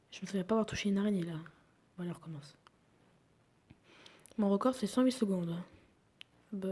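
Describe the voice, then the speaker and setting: A woman's voice: medium pitch, mellow, breathy edge. A young woman giving casual commentary over a video game she is playing, chatty, often dropping to a whisper as she plays. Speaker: gaming YouTuber.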